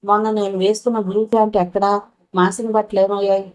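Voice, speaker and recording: A woman's voice: mid-range voice, little pitch movement, quick pace, a little mellow, natural voice. A woman voicing a playful young man in a spoken story, teasing and coaxing. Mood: hurried.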